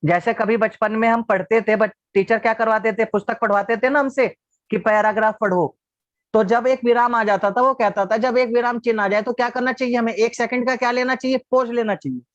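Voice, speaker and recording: A man's voice: extremely high pitch, steady tone, a little fast, no room sound. A man teaching an online class, patiently asking the class questions and answering them himself. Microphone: video call. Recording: dull lo-fi online class audio.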